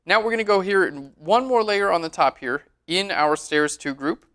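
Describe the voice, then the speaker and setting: A man giving a relaxed, chatty screen-recorded tutorial on photo editing, often saying "all right". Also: high voice, normal speed.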